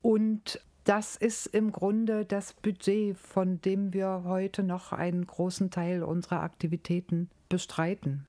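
A middle-aged woman from Berlin, a professor, explaining her field in a measured academic interview. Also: medium pitch, level tone, warm tone, no echo. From East Berlin, Germany.

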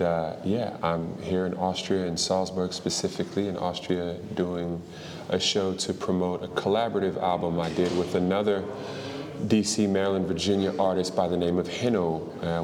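A man with a very low, deep voice answers interview questions about his music, talking loosely with plenty of fillers. The sound has a long reverb tail and a faint hiss under it. He comes from the Washington, D.C. area. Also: moderate pace. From Washington, D.C. area, USA. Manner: relaxed, thinking aloud with fillers. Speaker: guest hip-hop artist.

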